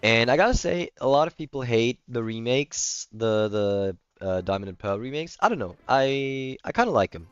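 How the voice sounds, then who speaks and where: Livestreaming a game, a native German speaker with a German accent casually answers viewers' comments, barely pausing. His medium-pitched voice is smooth and expressive at a normal pace. The recording is dry and dull-sounding, with soft background music.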